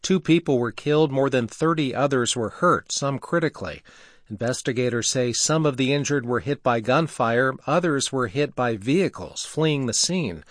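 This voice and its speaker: Male newscaster, mid pitch, steady measured read, dry studio. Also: dry recording. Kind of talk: newscast reading.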